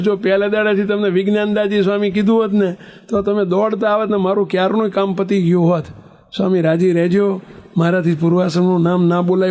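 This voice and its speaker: A man's voice: sits high, dark tone, close to an everyday voice. A man voicing a repentant, wayward young man who pleads humbly and rambles as he tells his story. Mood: eager. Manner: pleading, rambling, self-mocking.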